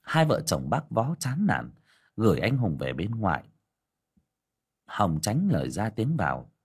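A man reads an audiobook folk tale with a husky, slightly low voice. His pitch swings widely as he leans into the telling, colloquial and vivid. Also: unhurried. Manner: storytelling with lively emphasis, colloquial. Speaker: narrator. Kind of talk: audiobook story narration.

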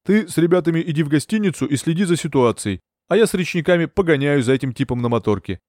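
Man voicing a calm, wry police officer. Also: a little high, fast talker, dry recording, clean studio sound, pitched above the performer's own voice, lightly acted. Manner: calm, dryly mocking.

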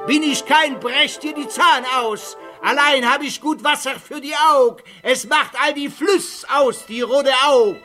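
A man's voice: very high voice, measured pace, sharp tone, faint music behind, exaggerated voice. An actor playing a cunning quack peddler, crying his wares like a town crier in broken, foreign-tinged German in a radio play. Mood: hawking, insistent.

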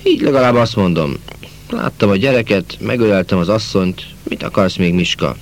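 A man's voice: on the low side, pitched above the performer's own voice, close to an everyday voice. A man voicing a cheerful chatty peasant soldier. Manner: lively, folksy, talkative.

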